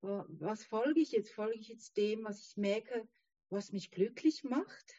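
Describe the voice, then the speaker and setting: A woman who is not a native German speaker, talking reflectively about herself in an interview, haltingly searching for words. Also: mid-range voice, expressive, warm tone. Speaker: interview guest. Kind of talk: reflective personal conversation. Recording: dull, roomy sound.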